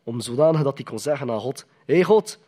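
A man's voice: medium pitch, quick pace, mellow, breathy edge. A man preaching a sermon in a conversational, emphatic way, often putting questions to the congregation.

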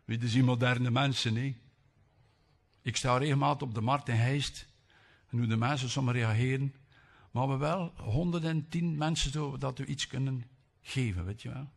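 A man's voice: mid-range voice, moderate pace, creaky. A man preaching a sermon, reading scripture with emphasis and breaking off for chatty asides and tag questions.

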